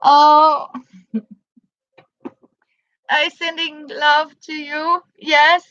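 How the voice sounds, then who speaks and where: A Danish woman in her fifties speaks very slowly in simple, halting English as she chats with viewers on a live crafting stream. Her voice is high and bright, recorded dry and a little dull, as if through a basic stream setup. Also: level tone, no echo. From Denmark. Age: 50s. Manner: halting, simple English, greets viewers by name, laughs often. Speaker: livestream crafter.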